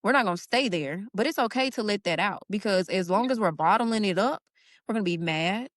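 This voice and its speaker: A woman's voice: mid-range voice, animated, brisk, no room sound, studio quality. A young woman, a stay-at-home mother, talking earnestly and informally in a casual heartfelt conversation. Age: young adult. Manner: earnest, Southern-tinged informal speech with y'all. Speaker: stay-at-home mom, podcast guest.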